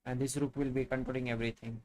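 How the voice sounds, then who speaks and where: A man's voice: mid-range voice, little pitch movement, fast, a little mellow. Man thinking aloud over chess moves. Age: 30s. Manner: thinks aloud, frequent fillers. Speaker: chess commentator co-host. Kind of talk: casual chess commentary. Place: room at home.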